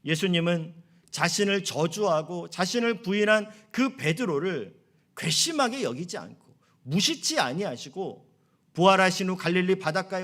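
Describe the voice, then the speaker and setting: A man's voice: high-pitched, a bit bright. A middle-aged man preaching a sermon as pastor, earnest, lifting his voice on key phrases. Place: church sanctuary.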